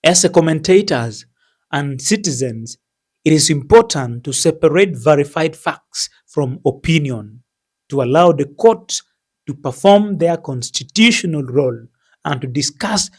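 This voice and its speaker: A man with a husky voice delivering scripted explanatory news commentary in a measured, formal, deliberate manner. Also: a little high.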